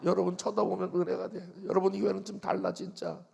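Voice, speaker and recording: Gravelly older male pastor preaching. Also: high-pitched, flat delivery, fast. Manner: storytelling, acts out quoted voices, swings from loud to hushed. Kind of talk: revival sermon.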